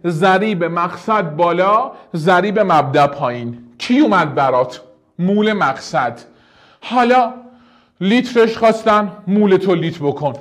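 A man with a high, bright-sounding voice teaches chemistry in a brisk, coaxing way. He talks straight to the student, repeats key steps, and answers questions he voices for the class himself. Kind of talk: energetic tutoring lesson.

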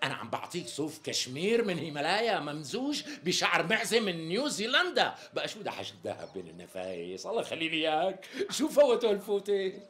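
An actor playing a smooth-talking, evasive tailor in a TV sketch comedy, speaking with a Damascene Arabic accent and chuckling salesman patter. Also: fairly high pitch, huge pitch swings, quick pace, hardly any pauses, fairly bright tone. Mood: sweet-talking. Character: smooth-talking flattering middle-aged male tailor.

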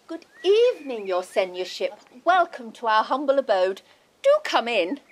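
Actress as a high, lively, scolding Lady Macbeth in a roomy space, sarcastic and bossy. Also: a little hiss or hum. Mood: gushing. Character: scheming bossy Lady Macbeth, sharp-tongued wife. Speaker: actor in a comedy film. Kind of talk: comic stage acting.

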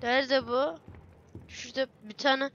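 A woman giving excitable, chatty let's play commentary, talking to herself and her viewers as she plays. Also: high voice, measured pace, highs cut off. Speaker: gameplay streamer.

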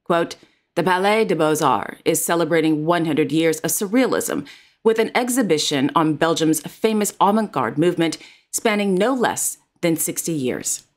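A woman's voice: sits low, animated, moderate pace. A woman presenting royal news in a formal, carefully read narration. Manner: formal, reads titles and quotes carefully.

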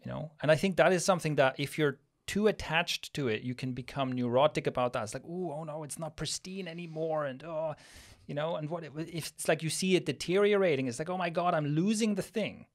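A man's voice: fairly high pitch, a little fast, hardly any pauses. A man in his thirties from Switzerland, co-hosting a casual podcast and thinking aloud with restarts into a studio mic. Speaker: podcast co-host. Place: small studio room with plant wall. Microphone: studio mic on boom arm, headphones.

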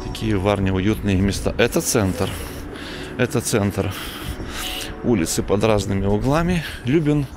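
A middle-aged man giving a chatty, unhurried walking tour of city streets at night, coughing now and then, filmed on a handheld camera. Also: lowish voice. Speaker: vlogger. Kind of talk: casual walking tour commentary.

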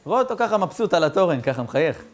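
Animated high-voiced man preaching. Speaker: rabbi. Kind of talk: storytelling sermon.

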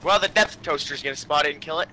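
High, bright-voiced excitable young man gaming. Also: fast talker. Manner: excitable, shouts callouts. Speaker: co-op gaming partner. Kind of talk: casual gameplay commentary.

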